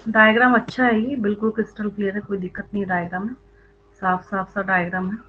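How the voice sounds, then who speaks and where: A woman's voice: mid-range voice, little pitch movement, fast talker, slight background noise. A woman teaching biology in an online class, explaining step by step, asking her students questions and repeating the answers, with English terms mixed into her speech. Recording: tinny phone-like online audio.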